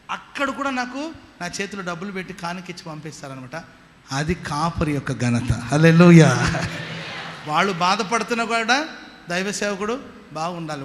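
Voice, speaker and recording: A man's voice: high-pitched, bright, forceful tone. A man with a Telugu accent preaching a sermon as pastor, firing rhetorical questions at the congregation and answering them himself. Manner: call-and-response preaching with rhetorical questions and repeated hallelujahs. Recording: long hall reverb with faint noise.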